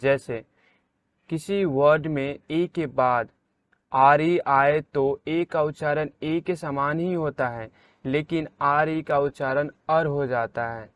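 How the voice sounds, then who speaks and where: A man teaching English pronunciation in a slow, deliberate way, saying each example word out loud with strong stress. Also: a little high, steady tone. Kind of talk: slow spelled-out pronunciation lesson.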